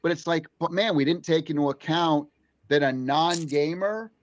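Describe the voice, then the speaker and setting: Brief: male, a little high, halting earnest salesman talk, dull lo-fi sound with little room. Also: no room sound. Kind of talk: casual persuasive pitch in conversation. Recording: dull, dry, lo-fi played-back audio.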